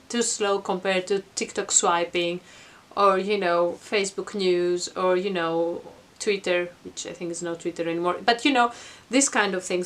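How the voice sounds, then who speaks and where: Earnest, conversational woman vlogger. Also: mid-range voice. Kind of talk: informal explanatory talk to camera. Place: attic at home.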